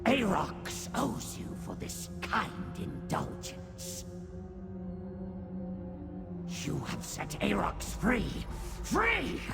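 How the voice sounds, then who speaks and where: A man's voice: sits high, wildly swooping pitch, slow pace, gravelly, loud music behind the voice, exaggerated voice. A man voicing a boastful tiny demon warlord in a puny body, speaking grandly and theatrically as a video game character. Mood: jubilant, grateful. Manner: grandiose, theatrical, refers to himself in third person.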